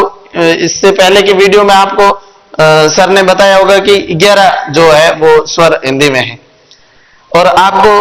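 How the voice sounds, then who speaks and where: A man teaching Sanskrit grammar in a video lesson, spelling out sounds one by one in a slow, deliberate way. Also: high voice, fairly bright tone. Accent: Hindi. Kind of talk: classroom-style video lesson. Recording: echoey room with long reverb.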